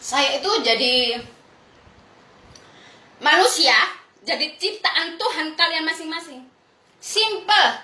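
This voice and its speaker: A woman's voice: sits high, lively intonation, slow, long pauses, pushed and bright, echoey room. A woman vlogger delivering a blunt, crude, confrontational rant to her viewers. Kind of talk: ranting monologue to viewers.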